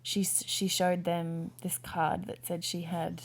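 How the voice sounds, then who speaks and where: A woman's voice: lowish voice, flat delivery, a little slow, gravelly. A young woman casually recounting a personal story to her partner, hesitant, with lots of fillers and restarts. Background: soft background music.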